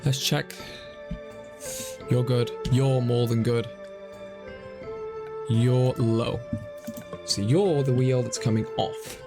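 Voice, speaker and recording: A male streamer chatting casually over gameplay in a mid-range voice. He rambles and second-guesses himself as he talks, while quiet game music plays in the background. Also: medium pitch, steady tone, slow, long pauses. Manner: rambling, self-conscious musing aloud.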